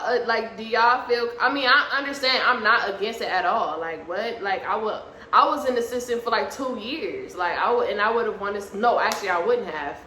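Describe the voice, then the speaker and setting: A woman in her early twenties co-hosting a casual vlog, blunt and teasing with quick comebacks. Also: medium pitch, pushed and bright. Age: early 20s. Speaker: vlog co-host. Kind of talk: casual argument on camera. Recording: echoey room with faint hiss.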